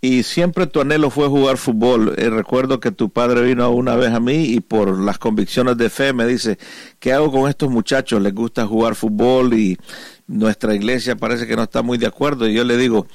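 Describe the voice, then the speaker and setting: A man's voice: mid-range voice, steady tone, moderate pace, dry recording, clean studio sound. A man who is a pastor and family counselor, hosting an interview and giving parents earnest advice.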